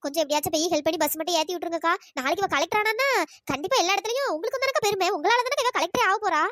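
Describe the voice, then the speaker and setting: A woman's voice: very high voice, lively intonation, a bit bright, no room sound. Cartoon role: loyal young village friend, dry close voice, pleading and coaxing, a woman voicing her. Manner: pleading, fast coaxing chatter. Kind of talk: cartoon voice acting.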